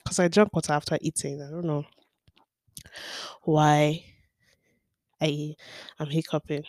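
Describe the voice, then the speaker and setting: A young woman in her twenties speaks in a notably low voice, with a dry, close sound and no room around it. She talks through her solo podcast in a frank, rambling way, often dropping to a near mutter and then rising again. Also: level tone, unhurried, a little mellow, dry recording. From Nigeria. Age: 20s. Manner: chatty and frank, with many fillers and volume swings. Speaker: podcast host. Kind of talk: candid solo podcast monologue.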